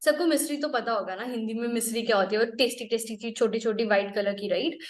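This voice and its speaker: A young Indian woman teaching French in a relaxed online lesson that mixes Hindi and English, with drawn-out explanations, tag questions and frequent laughs. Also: on the high side, reverberant.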